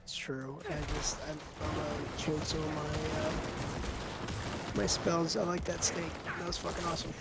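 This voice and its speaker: A man co-hosting a game stream in casual chat, excitable and swearing freely. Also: a little high, normal speed, creaky, loud music behind the voice. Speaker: co-host playing a game on stream.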